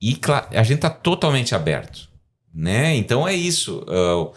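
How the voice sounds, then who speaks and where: A man's voice: mid-range voice, very animated, measured pace. A Brazilian man in his forties, a professor being interviewed on a podcast, explaining in a rambling way with frequent tag questions. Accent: Brazilian Portuguese. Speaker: guest scientist and professor.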